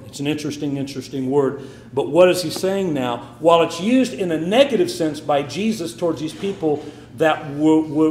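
A man's voice: a little high, echoey room. A man preaching a sermon with emphatic, swinging delivery. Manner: emphatic, rising and falling delivery.

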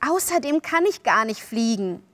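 A woman voicing an eager, excitable young girl who exclaims and pleads in a high voice. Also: normal speed, dry recording. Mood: excited.

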